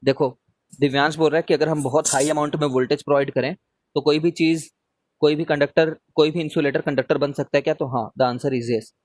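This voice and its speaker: A male teacher runs a relaxed live revision class, his voice sitting a little higher than most men's. He talks in a loose, chatty way, keeps checking that his students follow, and takes up their questions one by one. The sound is dry and close, with no room echo. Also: brisk. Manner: answers questions read out from students.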